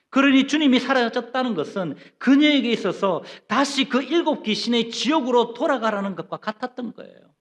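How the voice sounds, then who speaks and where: A middle-aged Korean pastor delivers a sermon emphatically in a high-pitched voice. He frequently questions the congregation and acts out the voices he quotes.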